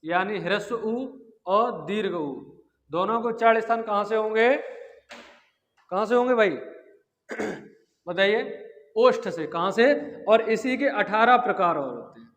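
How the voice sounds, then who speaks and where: A man's voice: sits high, unhurried, pauses often, a bit bright, big-room sound. A man teaching Sanskrit grammar in an exam-prep lecture. He asks the class questions, answers them himself, and sounds out the lip consonants. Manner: demonstrates lip sounds aloud.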